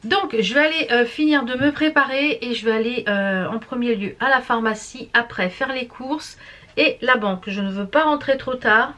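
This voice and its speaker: A woman's voice: fairly high pitch, moderate pace, sharp tone, a little hiss or hum. A tired woman chatting casually to camera as a vlogger, rambling and stumbling over her words. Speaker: beauty and embroidery vlogger.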